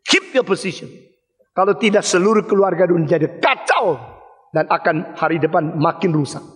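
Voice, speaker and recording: A pastor preaching a sermon in a very high-pitched voice. He is emphatic, breaking into sudden shouts and then dropping to low, quiet tones. His voice rings with the long reverb of a large hall. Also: normal speed, breathy edge.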